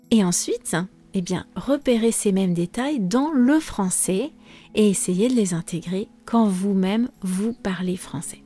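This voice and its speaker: A young woman hosts a language-learning podcast, explaining at an easy pace and pausing often to search for words. Her voice is mellow and soft, and faint music sits underneath. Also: medium pitch. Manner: calm, explanatory, with frequent fillers. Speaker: French teacher and podcast host. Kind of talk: podcast lesson monologue.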